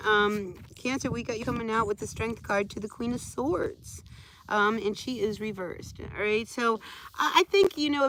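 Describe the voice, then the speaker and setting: Chatty woman tarot reader, noisy outdoor recording. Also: medium pitch. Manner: conversational, familiar, addressing viewers directly. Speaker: tarot reader hosting a live stream. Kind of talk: chatty live tarot reading.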